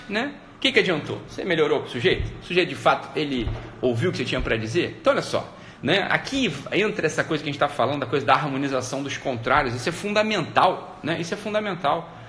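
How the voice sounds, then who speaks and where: A man's voice: fairly high pitch, a bit bright, slight background noise. A man hosting a live stream, talking casually and rambling, with frequent "né" and restarts. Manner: rambling, heavy use of "né" and restarts. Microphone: computer or phone mic on a live stream.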